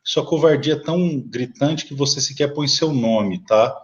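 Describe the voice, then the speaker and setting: A Brazilian lawyer in a heated political live chat, blunt and combative, swearing at viewers. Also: male voice, medium pitch, moderate pace, highs cut off. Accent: Brazilian Portuguese. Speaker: lawyer, live stream guest.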